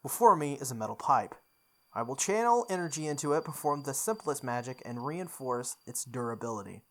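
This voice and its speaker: Reading visual novel narration with drama, the playthrough host speaks at a medium pitch with big pitch swings, a brisk pace and a fairly bright tone. Game music plays in the background.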